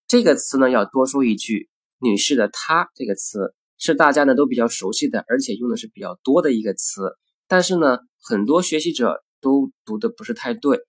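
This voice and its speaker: A man's voice: mid-range voice, animated, fairly quick, husky, dry recording. A man teaching English pronunciation, speaking carefully and saying each word twice as a model. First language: Chinese. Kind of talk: recorded phonetics lesson.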